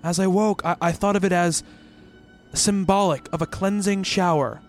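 A man with a high, steady, natural voice plays a worried but rational researcher in an eerie radio play, delivering both dialogue and first-person narration over music. His moderate-paced, thoughtful performance feels pensive and measured.

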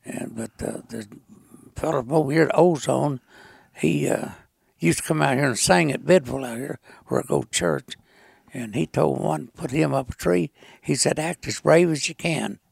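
Gravelly old man with an Ozark mountain drawl. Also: medium pitch, darkish tone, no echo, studio quality. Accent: rural Arkansas Ozark mountain, Appalachian-like. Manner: halting, plainspoken, rustic grammar. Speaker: storyteller being interviewed. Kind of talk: folksy oral storytelling.

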